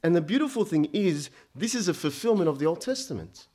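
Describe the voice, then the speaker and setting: Emphatic preacher born in Egypt. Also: male voice, sing-song, brisk. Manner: emphatic, rising to loud peaks then dropping low; frequent stammered restarts. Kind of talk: sermon.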